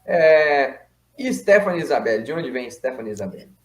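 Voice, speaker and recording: A man's voice: medium pitch, very animated, normal speed. A man hosting an interview, friendly and conversational, often adding tag questions. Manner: friendly, conversational, with many "né" tags. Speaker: interview host. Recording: echoey room.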